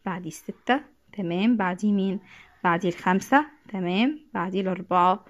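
A woman with an Egyptian accent teaching a math lesson, patiently repeating each point and often clearing her throat. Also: medium pitch, fast, lo-fi sound. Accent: Egyptian Arabic.

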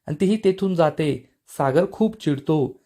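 A man giving a scripted narration that recaps a TV serial episode, telling it in a steady storytelling way. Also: on the high side, unhurried.

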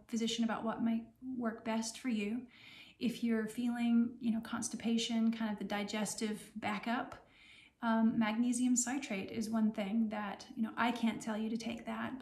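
A middle-aged woman, sore and recovering from surgery, gives gentle, unhurried advice with pauses in a casual instructional home vlog. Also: on the high side. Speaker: health vlogger sharing recovery advice. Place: small home room, indoors. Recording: roomy, echoing home recording.

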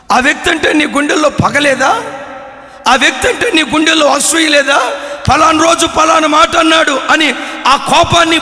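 A male pastor preaching a dramatic sermon, swinging between shouted exhortation and hushed low tones and firing off rapid rhetorical questions. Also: roomy sound, in a large hall.

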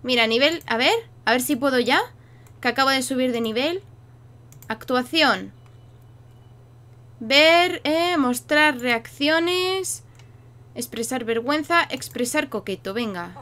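Her voice is high-pitched, bright and pushed, animated yet slow, with long pauses between phrases. She's a young gaming YouTuber giving laid-back commentary on a life-sim game, playfully talking to both her audience and her characters.

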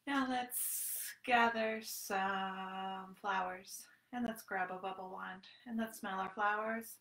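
A woman in her thirties, acting as a librarian, runs a storytime for small children in a sing-song, encouraging manner. Her mid-range voice is steady, slow and fairly bright. The home webcam recording, made indoors in a small room, carries a roomy echo.

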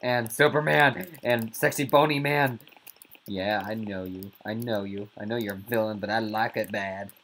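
A man giving casual, jokey gameplay commentary as a YouTuber, with sudden squeaky outbursts. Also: moderate pace, fairly bright tone. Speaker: gaming YouTuber.

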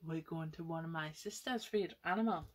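In a small room at home, a young woman uses paper puppets to tell children a story, asking them questions and exclaiming as she goes. She has a low, slightly mellow voice and talks at a quick pace.

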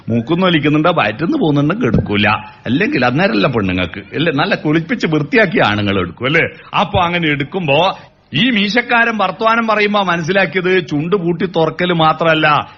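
A man giving a public talk on family and education, animated, breaking into sung lines to make his points. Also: fairly high pitch, brisk, slightly rough. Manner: animated, sings song lines and acts out calls to make points. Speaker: motivational speaker. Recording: dull lo-fi recording.

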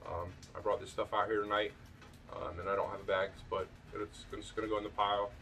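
A man's voice: on the low side, level tone, brisk, sharp tone, distant mic. A man chatting casually as he shows his thrift finds, rambling with many fillers and restarts, outdoors on a back porch at night. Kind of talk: casual vlog show-and-tell.

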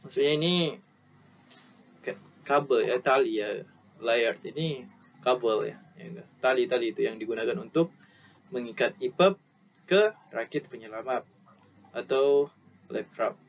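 Recorded on a computer headset indoors, a young male maritime safety instructor from Indonesia walks through his slides in a casual, slow, halting way. His voice sits mid-range, he keeps repeating the key terms, and the sound is dull and lo-fi with noticeable background noise.

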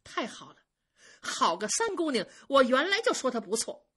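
A woman's voice: sits high, very animated, moderate pace, fairly bright tone, husky, voice pushed up, full character voice. A woman storyteller voicing the shrewd young mistress of a great household, speaking in a confiding way.

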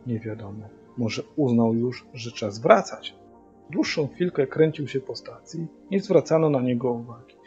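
A man reading a children's book aloud as a father, with steady, even storytelling. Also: mid-range voice. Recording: dull lo-fi audio via hearing aid, faint music.

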